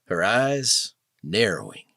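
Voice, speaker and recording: A man narrates a gritty street story with a low voice that swoops through a wide, animated range. His storytelling is dramatic and expressive. The recording is dry and close. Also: slow, vocal fry, no echo. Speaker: audiobook narrator. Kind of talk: scripted narration.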